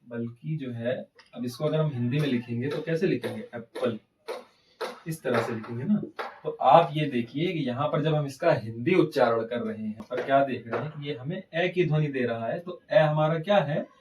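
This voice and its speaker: Male grammar teacher, steady mid pitch, quiz-and-answer delivery, slightly distant mic. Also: moderate pace, slight background noise. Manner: asks rhetorical questions and answers them himself. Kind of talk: classroom-style grammar lesson.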